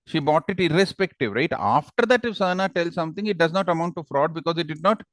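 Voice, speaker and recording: A man with a South Indian accent teaches an online class in an informal, conversational way, offering examples and often ending phrases with questioning tags. His fairly high, somewhat bright voice is animated and fast. Through his headset microphone, the recording is dry and of studio quality.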